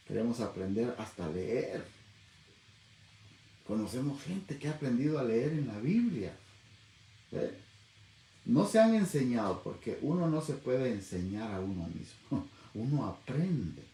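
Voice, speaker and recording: A man's voice: lowish voice, gravelly, warm tone, roomy sound, slight background noise, poor audio. A man teaching the Bible on the radio in a conversational preaching style, often checking in with his listeners by asking "¿verdad?". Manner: conversational, constantly asks "¿verdad?".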